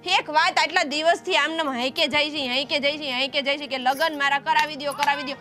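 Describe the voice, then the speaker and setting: A woman's voice: high voice, fairly even intonation, pushed and bright, faint music behind. An actress playing a stubborn young woman in a family drama, arguing defiantly. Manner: quick, argumentative and defiant. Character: headstrong young woman bent on marrying first.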